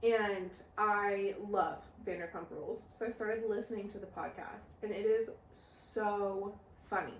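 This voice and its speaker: A woman in her late twenties chats and teases on a casual podcast, and she giggles easily. Her voice sits at an everyday middle pitch. The room sounds echoey, and there is a faint background hiss. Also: measured pace, hardly any pauses. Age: late 20s. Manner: chatty, giggly, teasing. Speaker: podcast co-host. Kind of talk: casual chat.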